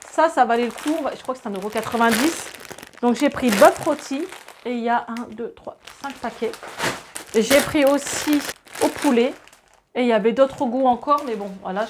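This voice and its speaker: A woman's voice: on the high side, slight background noise. Chatty French woman vlogger. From France. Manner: chatty, lively, many fillers and asides to the viewers. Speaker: grocery haul vlogger and mother. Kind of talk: casual chat to camera.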